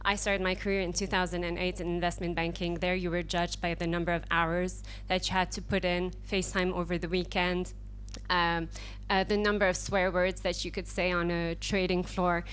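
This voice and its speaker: Woman panelist, lowish voice, wry candid delivery, faint hum behind. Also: level tone, normal speed, a bit bright. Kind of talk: panel discussion. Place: conference stage. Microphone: handheld mic.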